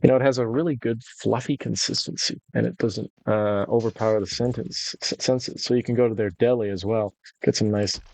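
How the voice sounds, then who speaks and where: A young man rambling in a deliberate monotone with lots of fillers while commenting on a game he is playing. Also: lowish voice, no echo. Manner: rambling, halting, with many fillers. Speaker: gaming video host. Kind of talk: casual gameplay commentary.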